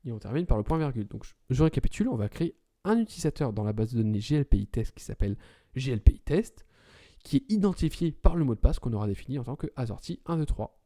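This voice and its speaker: A man's voice: mid-range voice, big pitch swings, quick pace, dark tone. A man talking through a computer setup tutorial step by step, correcting small slips as he goes. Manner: talks through commands step by step, with self-corrections. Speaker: tutorial presenter. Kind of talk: screen-recorded IT tutorial.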